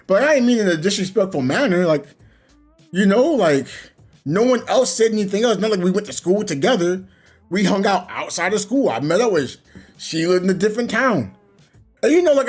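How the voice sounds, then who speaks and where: A gaming streamer with a high voice and a breathy edge chats casually while playing. He rambles through a long, animated story, acting out the people in it with voiced quotes.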